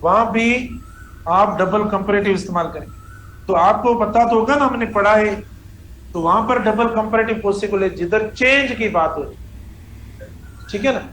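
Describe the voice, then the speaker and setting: A man's voice: sits high, moderate pace, pauses often, fairly bright tone, reverberant, a little hiss or hum, low-quality recording. A man teaching English grammar in a classroom lecture, drawing out example sentences word by word and calling students "beta". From Pakistan.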